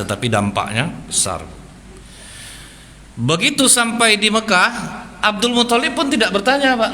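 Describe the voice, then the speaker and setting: A man preaching a sermon, telling stories in an animated way and often turning to address the listeners directly. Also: lowish voice, slight background noise. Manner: animated storytelling, keeps addressing the congregation.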